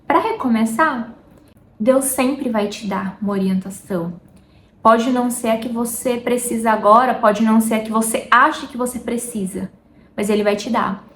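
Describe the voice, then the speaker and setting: A woman with a Brazilian Portuguese accent talks casually and warmly about faith in a vlog, addressing viewers intimately and drifting off topic mid-thought. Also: on the high side, normal speed. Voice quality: warm, intimate, talks directly to viewers as "meu amor". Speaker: vlogger. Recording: echoey room with faint background noise.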